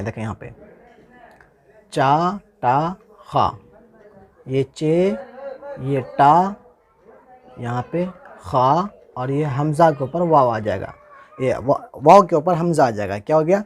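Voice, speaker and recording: A man teaching Urdu handwriting, spelling each word slowly and repeating it, often asking how the letters are joined. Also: medium pitch, lively intonation. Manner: slow, patient, repeats each word and asks "how will we join this?". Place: indoors, recording a tutorial without a camera.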